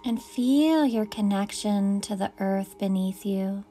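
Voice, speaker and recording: Casting note: woman meditation guide, very unhurried delivery, soft music underneath. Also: mid-range voice. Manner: soft, slow, soothing invitations.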